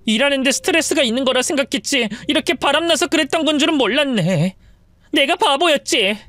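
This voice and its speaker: A betrayed, furious wife with a raised, lively voice , as a woman reader puts her on. She argues indignantly in a storybook-style audio drama. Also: sits high, fairly quick, no echo, clean studio sound, pitched above the performer's own voice. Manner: indignant, pleading. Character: wronged wife with a limp, shaken and furious.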